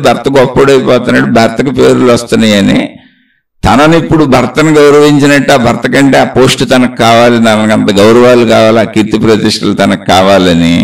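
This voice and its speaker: A man delivers a spiritual talk in a gravelly voice, hammering his points through repetition. He sounds set back from the microphone, at an ordinary middle pitch. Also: far from the mic. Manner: repetitive, emphatic, lecturing. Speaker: spiritual speaker.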